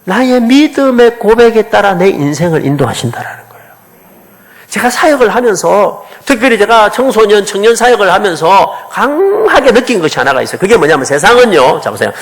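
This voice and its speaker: A man's voice: high-pitched, very animated, a little fast. A man preaching a sermon as a pastor, questioning the congregation.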